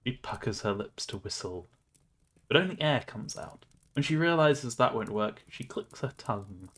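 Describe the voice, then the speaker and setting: A man's voice: mid-range voice, lively intonation, normal speed, a bit bright. A man streaming a game, reading the story aloud with playful, laughing asides.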